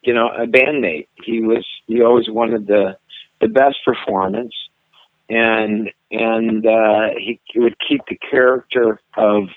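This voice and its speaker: A middle-aged singer speaks casually in an interview over a phone line, hesitating and starting over often. His voice is on the low side and his pace slow, and the line sounds dry and tinny.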